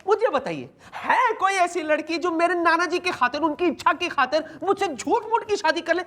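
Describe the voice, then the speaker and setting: A man's voice: very high voice, expressive, moderate pace, a bit bright. A man playing a police boss in a TV sitcom, talking in an overblown, wailing, melodramatic way. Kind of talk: TV sitcom acting.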